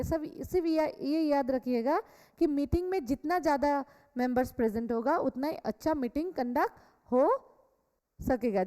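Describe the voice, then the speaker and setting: A company law teacher, an Indian woman with a high-pitched but darkish voice, gives a classroom lecture mixing Hindi and English. She repeats key points and makes sure students follow, while some attend online; the room echoes like a hall.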